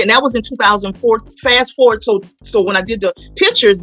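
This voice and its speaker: The recording is low quality as this woman from New Orleans, in her 40s, a playwright and stage actor, guests on a casual promotional interview. She has a mid-range, somewhat bright voice and tells stories in an emphatic, repetitive way.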